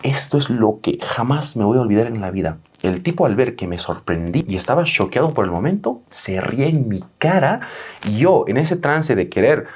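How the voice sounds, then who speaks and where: A man's voice: mid-range voice, normal speed, breathy edge. A young adult man who is a travel vlogger, recounting a travel mishap in a dramatic storytelling style. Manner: animated, dramatic retelling. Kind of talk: storytelling vlog.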